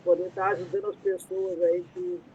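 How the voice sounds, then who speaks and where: A man's voice: flat delivery, moderate pace, warm tone. A Brazilian man hosting a casual live stream from a dim room, talking in a rambling way with many fillers. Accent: Brazilian Portuguese. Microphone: computer mic, headset removed. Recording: muffled lo-fi audio with faint rumble.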